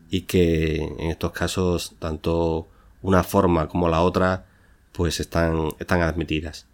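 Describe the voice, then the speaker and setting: Deep-voiced man explaining spelling rules. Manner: patient, repeats words and restarts often. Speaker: proofreader giving a podcast lesson. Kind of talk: unscripted podcast explanation.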